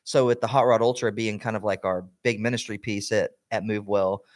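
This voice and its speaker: A man's voice: fairly low pitch, fairly even intonation, fairly quick. A young man co-hosting a podcast in casual chat, rambling with lots of fillers and restarts. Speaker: podcast co-host.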